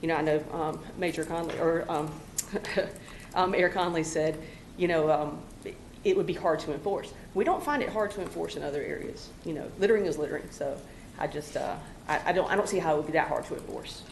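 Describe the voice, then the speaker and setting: A woman giving an earnest public comment at a council meeting, halting and full of "you know" fillers, recorded in a council chamber. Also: sits low, gravelly. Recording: echoey council chamber recording, faint hum.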